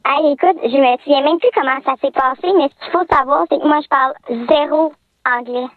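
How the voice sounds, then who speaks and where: A woman calling in to a radio show, her voice disguised by a voice changer, talking hesitantly with many pauses and fillers. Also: sits high, no echo, phone-quality sound. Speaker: caller sharing a secret. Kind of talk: radio call-in confession.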